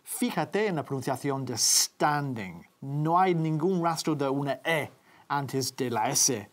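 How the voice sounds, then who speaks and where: A woman with a low, slightly husky voice hosts a televised English lesson. She speaks slowly and with a lively, expressive lilt, repeating each word so viewers can follow. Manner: patient, repeats words for practice. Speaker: English teacher, TV presenter. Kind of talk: bilingual TV language lesson.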